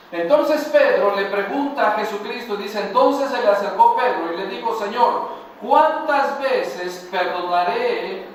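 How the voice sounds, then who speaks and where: A man with a Mexican Spanish accent preaching a sermon as pastor, reading scripture slowly and stopping to quiz his congregation. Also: sits high, a bit bright, slight background noise. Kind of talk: sermon with congregational call-and-response. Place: church sanctuary. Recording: very echoey church from far off.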